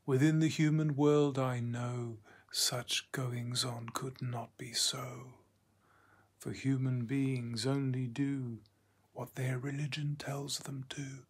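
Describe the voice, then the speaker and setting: Reciting a poem, a man speaks slowly in a husky, half-whispered voice at medium pitch. His delivery is flat, hushed, and deliberately phrased, broken up by long pauses.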